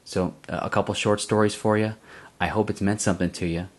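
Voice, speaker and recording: Low-voiced man telling a story. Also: steady tone, fairly quick. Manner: chuckles often, addresses viewers as guys. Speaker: channel host. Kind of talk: casual storytelling to camera.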